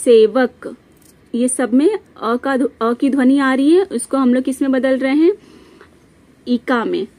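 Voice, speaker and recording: A young woman teaching a grammar lesson from notes, repeating each rule and example slowly. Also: high-pitched, a little mellow.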